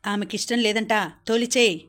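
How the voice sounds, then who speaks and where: Woman doing gruff middle-aged husband, irritated, fairly high level voice, audiobook. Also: steady tone, fairly quick, fairly bright tone, lightly acted.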